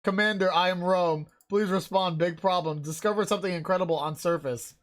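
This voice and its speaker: A woman's voice: on the low side, brisk, lightly acted. An actress voicing a young female soldier in a game, calling in urgently in short broken phrases. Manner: terse telegraphic phrases.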